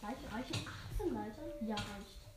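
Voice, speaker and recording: A woman chatting casually while gaming, excitable and slangy, swearing often. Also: fairly high pitch, moderate pace, roomy sound, very noisy. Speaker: gamer.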